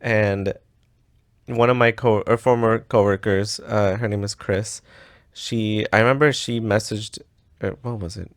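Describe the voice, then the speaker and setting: A man's voice: on the low side, fairly even intonation, measured pace, no echo, clean studio sound. A man in his thirties from the US co-hosting a podcast, chatting in an easygoing way and laughing easily. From United States. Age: 30s. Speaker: podcast co-host. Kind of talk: casual chat.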